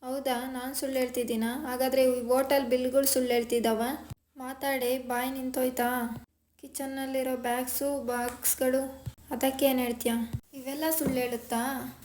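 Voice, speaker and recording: A woman's voice: sits high, level tone, normal speed, darkish tone, slight background noise, natural voice. A woman voicing a young woman who sharply accuses a relative of lying. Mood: accusing. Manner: accusing, confronting.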